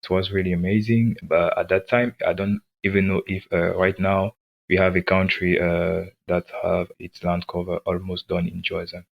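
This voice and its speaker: A man from Cameroon answering interview questions, hesitant with many pauses and restarts. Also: low voice, level tone, vocal fry, muffled recording. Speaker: guest.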